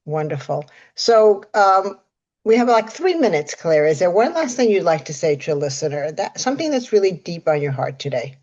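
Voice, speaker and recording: A woman hosting a podcast interview, reacting warmly and guiding the talk. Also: fairly low pitch, sing-song, normal speed, muffled recording. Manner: warm, encouraging reactions. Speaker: podcast host. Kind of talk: casual interview chat.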